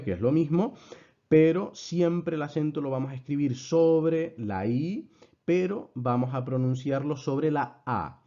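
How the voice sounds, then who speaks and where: Slow, mellow teacher explaining. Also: male voice, medium pitch, highs cut off. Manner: measured, explanatory, addresses students formally. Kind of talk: lecture with slides.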